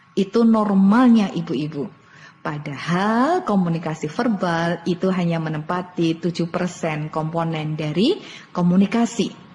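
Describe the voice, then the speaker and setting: A woman's voice: mid-range voice, mellow. A woman presenting an online parenting lesson, explaining step by step and repeating key points. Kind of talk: online lecture. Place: online webinar. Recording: long reverb, faint background noise.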